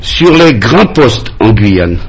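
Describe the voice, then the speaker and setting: Speaking slowly but very animatedly, this man has a lowish, husky voice. He is a French Guianese candidate in a studio radio campaign debate, pressing his case insistently and repeating phrases for emphasis.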